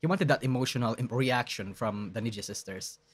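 A man's voice: mid-range voice, brisk, breathy edge. A man hosting a reaction stream with casual, conversational commentary.

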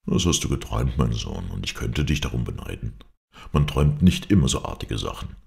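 Male reader doing a grumbling wry friend, very deep gravelly voice, storybook reading. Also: very animated, fairly quick, darkish tone, heavily acted.

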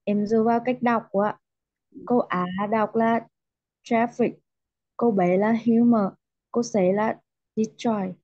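A woman's voice: fairly high pitch, level tone, unhurried, long pauses, no room sound. A female student politely answering and explaining her reasoning in an online class. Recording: dull dry call audio.

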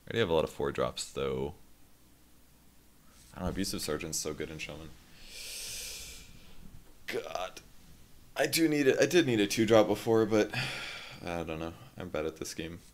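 A man casually commenting on his own card game play as a streamer, self-deprecating and swearing freely. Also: very deep voice.

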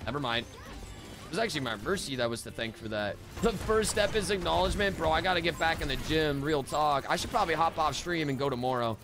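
A man with a high, gravelly voice chats live over a match, excitable and quick to joke and swear. Game music plays clearly under his voice. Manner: excitable, joking, swears often. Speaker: streamer. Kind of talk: casual live-stream gameplay chat.

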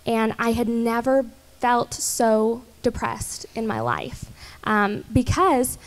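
Chatty young woman with a higher voice. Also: gravelly. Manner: chatty and earnest, many ums and soft laughs. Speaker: panel guest. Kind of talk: candid testimony on a church stage panel. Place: large church stage. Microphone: handheld mic.

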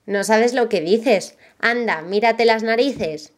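A woman's voice: fairly high pitch, takes it slowly. A woman voicing a clever, cheeky little girl who teases a wizard in sing-song rhymes in a storybook reading. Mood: teasing.

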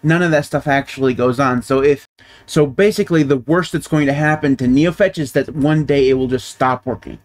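A man's voice: medium pitch, a little fast. Chatty man explaining tech at his desk. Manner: conversational, repeats and restarts while thinking aloud. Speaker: tech channel host. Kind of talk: casual explainer monologue. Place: small home office. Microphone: desk microphone on boom arm.

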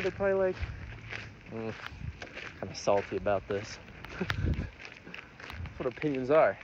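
A man's voice: mid-range voice, dull audio, noisy background. A man rambling through a casual, profane monologue while walking outdoors on roads. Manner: rambling, profane, self-mocking. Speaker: vlogger.

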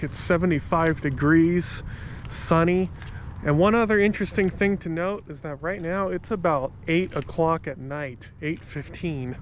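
A travel vlogger narrates an outdoor walking tour of a city park, talking enthusiastically and rambling as he corrects himself along the way. His voice is on the high side, and the recording carries a little hiss or hum.

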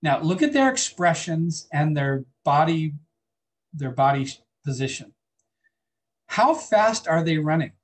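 A man's voice: a little high, expressive, a little slow. A man teaching a biology lecture in a classroom, chatting with the class and asking students questions. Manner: conversational, asks the class questions.

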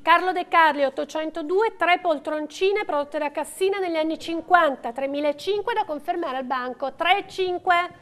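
A woman's voice: extremely high pitch, normal speed, few pauses, fairly bright tone. A middle-aged woman working as an auctioneer, calling bids in short, repeated phrases of prices and names. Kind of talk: auction bidding calls.

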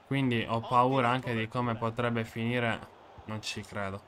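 A young man with a dry, sore throat, commentating on his own football video game match, muttering one moment and shouting the next. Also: medium pitch, fairly even intonation, measured pace, crowd noise. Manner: swings from muttering to shouting at goals. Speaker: gaming video creator.

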